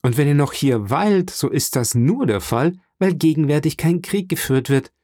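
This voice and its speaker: A proud, steadfast young fisher girl, as a male audiobook reader puts her on in a lifted, earnest voice. She speaks with firm conviction, refusing calmly but without yielding. The sound is dry and close, with no room around it. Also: normal speed, dry recording. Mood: earnest, pleading. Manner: raised pitch, earnest pleading tone. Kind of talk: audiobook reading.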